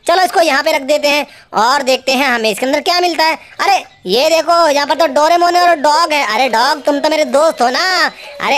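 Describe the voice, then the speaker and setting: High-voiced woman narrating toy play. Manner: excited exclamations, scolding toys playfully. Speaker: toy video host.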